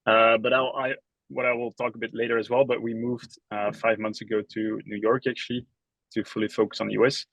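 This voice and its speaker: A man's voice: mid-range voice, flat delivery, brisk, creaky, a bit bright, no room sound, poor audio. Young Belgian man, startup co-founder, casual webinar talk, dry close sound. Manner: casual, many fillers and restarts. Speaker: app company co-founder. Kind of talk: webinar presentation.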